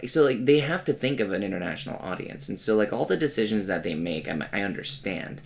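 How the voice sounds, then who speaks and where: A young man who grew up in China, talking in a rambling, animated casual chat full of fillers and restarts. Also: fairly low pitch, fast talker, gravelly, slight background noise.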